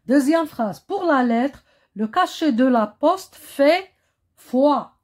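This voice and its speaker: A woman explains vocabulary to primary pupils at an unhurried, deliberate pace. Her voice sits a little high, and she repeats each word and keeps asking whether the class has followed. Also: expressive, a little mellow. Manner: patient, repeats words, checks with "hein?" and "compris?". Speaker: primary school teacher.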